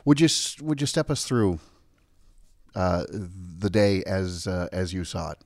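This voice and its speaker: Deep gravelly male host, halting questions, dry sound. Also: darkish tone, dry recording. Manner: hesitant, many "uh" fillers. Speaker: podcast host. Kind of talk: interviewing.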